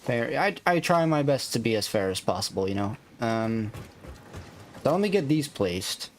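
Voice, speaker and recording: Though his voice is soothing, this medium-pitched man is very animated, speaking at a moderate pace. He's live-streaming a factory-building game, rambling casually between chat and gameplay remarks as he thinks aloud. Behind him, background noise is clearly audible.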